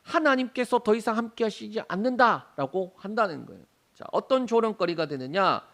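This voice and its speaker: A middle-aged man preaching a sermon, his voice sitting high and swinging widely in pitch. He keeps throwing questions at the congregation and answering them himself. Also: normal speed, gravelly. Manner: animated, asks and answers his own questions. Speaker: pastor.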